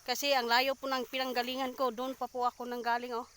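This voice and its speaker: A woman's voice: fairly high pitch, flat delivery, quick pace, fairly bright tone, slight background noise. A woman casually vlogging outdoors in the countryside, chatting straight to her viewers and out of breath from walking. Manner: chatty, addressing viewers directly. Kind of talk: casual outdoor vlog narration. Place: rural outdoors.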